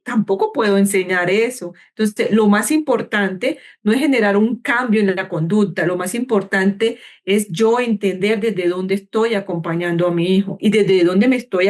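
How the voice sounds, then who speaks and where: A woman clinical psychologist giving calm, measured advice in an interview, slowing down and stretching words to show how to breathe. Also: mid-range voice. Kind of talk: calm explanatory interview talk.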